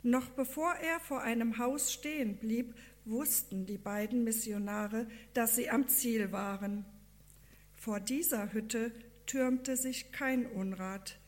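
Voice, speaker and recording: Slow, calm woman reading a story. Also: on the high side. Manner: calm, measured, earnest. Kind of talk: reading a devotional story aloud.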